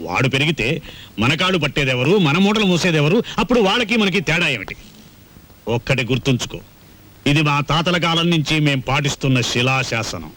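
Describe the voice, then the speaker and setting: A cold miserly landlord villain. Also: male voice, on the high side, lively intonation, brisk, a bit bright. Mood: stern. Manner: cold, commanding and threatening. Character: greedy, domineering rich male landlord villain. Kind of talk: old film dialogue.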